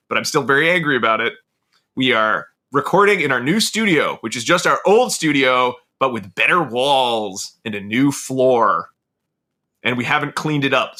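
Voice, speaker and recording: A man co-hosting a podcast in casual chat, with an enthusiastic, jokey delivery. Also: medium pitch. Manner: animated, self-described enthusiastic, jokey delivery. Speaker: podcast co-host.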